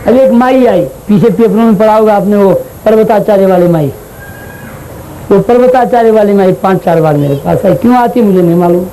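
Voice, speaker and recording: High-voiced, mellow man giving a religious discourse. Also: brisk, slight background noise, poor audio. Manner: storytelling with acted dialogue and chanted Sanskrit.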